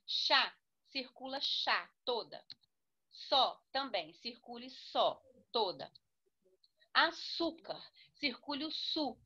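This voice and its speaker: Teaching grammar instructively, a woman with a Brazilian Portuguese accent spells out syllables and frequently checks in with her students. Her high, expressive voice is bright, forceful, and slightly rough at a slow pace, and the audio is dull.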